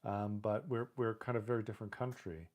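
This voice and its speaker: A man with a fairly low voice talks through a loose, unscripted livestream monologue. He rambles from point to point, tags his sentences with "you know" and "right", and chuckles now and then as he goes. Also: fairly even intonation, a little fast, darkish tone. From lives in Canada. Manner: laughs now and then while talking. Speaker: livestream host.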